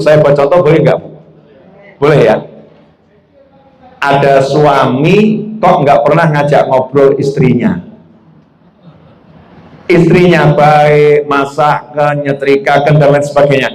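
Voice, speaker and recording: A man preaching a religious lecture to a live audience, repeating phrases, asking rhetorical questions and acting out prayers. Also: on the high side. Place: auditorium. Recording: echoey hall.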